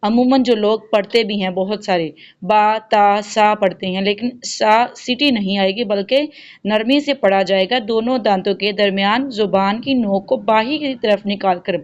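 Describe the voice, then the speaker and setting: A woman teaching Quran recitation rules step by step, patiently explaining and slowly drawing out each recited word. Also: mid-range voice, highs cut off. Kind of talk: spoken lesson with recited examples.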